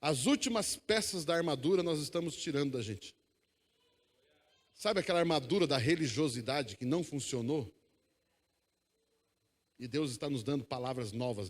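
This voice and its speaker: A man's voice: mid-range voice, lively intonation, moderate pace. A man preaching a sermon, emphatic, calling the congregation to repeat after him. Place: church hall. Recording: long echo of a church hall.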